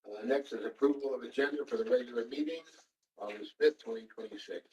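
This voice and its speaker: A man chairing a town board meeting, running through the agenda in a brisk, procedural way. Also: mid-range voice, big pitch swings, vocal fry, darkish tone, muffled recording, slight background noise. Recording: roomy hall, mic far off.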